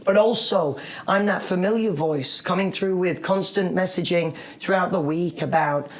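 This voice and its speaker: A man's voice: high-pitched, moderate pace. Upbeat, cheerful man working as cruise director. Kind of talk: upbeat interview chat.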